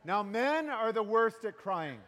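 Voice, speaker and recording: A man preaching a sermon as pastor, joking and animated, pausing for an interpreter. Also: high voice, long reverb tail.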